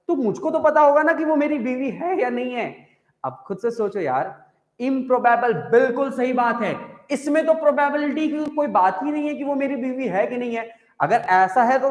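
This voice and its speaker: High-voiced Indian teacher in echoey room. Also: male voice. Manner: explains by repeating and asking the class questions. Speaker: English grammar teacher. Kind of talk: live online class in Hindi-English mix. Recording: echoey room with long reverb.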